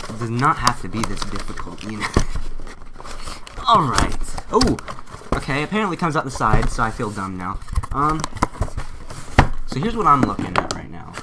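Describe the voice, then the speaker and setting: A man giving a casual unboxing and setup tutorial, excitable and chatty, often poking fun at himself. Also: fairly low pitch, heavy background noise. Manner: excitable, chatty, self-mocking. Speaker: gaming YouTuber.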